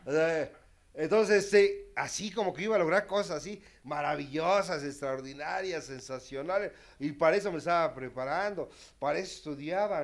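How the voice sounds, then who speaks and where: Man, testimonial talk, higher-pitched, frank and wry, big swings in volume. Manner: candid, self-mocking, dramatic swings in loudness. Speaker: speaker sharing his recovery story.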